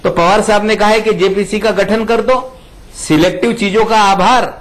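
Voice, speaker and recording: A man with a high voice argues for his party in a TV debate. He rebuts the other side insistently. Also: steady tone, normal speed, poor audio. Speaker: party spokesman. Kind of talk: political debate.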